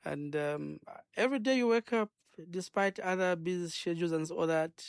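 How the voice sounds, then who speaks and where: A man with a Zambian accent, a gospel singer and minister, talking earnestly in a radio interview, preaching as he goes and filling pauses with "uh" and "um". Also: high-pitched, gravelly, clean tone, dry recording, clean studio sound. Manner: earnest, preachy, rambling with many fillers.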